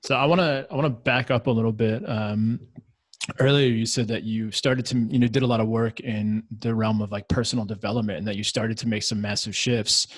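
A man's voice: lowish voice, fairly even intonation, brisk, breathy edge, dry recording. A man hosting a podcast, asking curious questions and giving encouraging short replies. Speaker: podcast host. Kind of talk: interview questions and short reactions.

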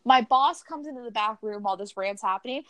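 A young woman co-hosting a casual podcast, telling stories in an animated way and acting out the voices of the people in them. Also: a little high, quick pace. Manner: animated storyteller, acts out quoted voices. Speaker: podcast co-host.

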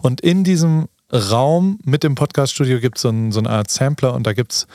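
A man's voice: mid-range voice, moderate pace, warm tone, no echo, studio quality. A man in his forties co-hosting a podcast in casual, joking chat, rambling along playfully. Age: 40s. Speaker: podcast co-host. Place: podcast studio in a restaurant. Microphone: studio podcast mic.

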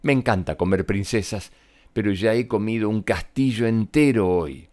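A man voicing a boastful, greedy dragon in a children's storybook reading, speaking slowly and loudly. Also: on the low side, natural voice.

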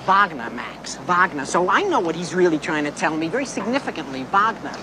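A man's voice: sits high, sing-song, brisk, noisy background. A man playing a neurotic, wisecracking middle-aged comedian who rambles and stammers. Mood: indignant. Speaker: comedian narrating his life. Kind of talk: film voice-over and dialogue.

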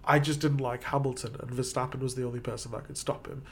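A man's voice: medium pitch, flat delivery, quick pace, slight background noise. A man co-hosting a casual podcast, chatting and steering the conversation. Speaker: podcast co-host. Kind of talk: casual chat.

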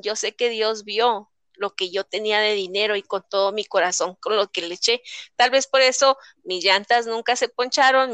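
Lady, bright clear voice, telling her own story all animated n casual. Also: a little high, dry recording. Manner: animated storytelling with colloquial slang and sound words. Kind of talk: casual personal testimony in conversation.

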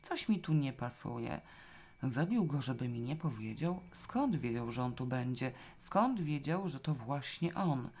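A woman reading a storybook, voicing a suspicious, sharp-tongued hostess who questions quickly. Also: a bass voice, expressive, exaggerated voice. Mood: puzzled. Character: anxious, sharp-tongued woman, middle-aged host.

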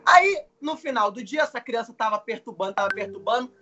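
A man's voice: very high-pitched, a little fast, highs cut off, a little hiss or hum. A young man, a guest actor telling a funny personal story in casual chat, acting out the voices he quotes. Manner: animated, acts out quoted voices, swears. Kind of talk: casual storytelling on a live show.

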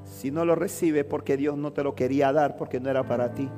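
A man's voice: medium pitch, steady tone, a little fast, warm tone, in a large hall, faint music behind. A man preaching a sermon as a pastor, repeating phrases with rising fervor.

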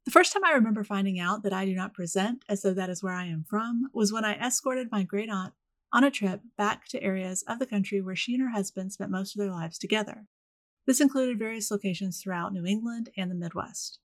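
Southern woman, soft voice, dry and direct podcast host, close dry mic. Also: mid-range voice, a little fast, dry recording. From rural northern Florida, US. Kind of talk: scripted solo podcast monologue.

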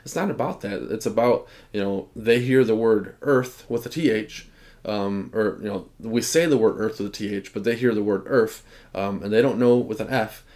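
Casual podcast co-host: young man, slightly low voice, easygoing and chatty. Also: moderate pace. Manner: relaxed, rambling, laughs often. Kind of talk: casual sports chat.

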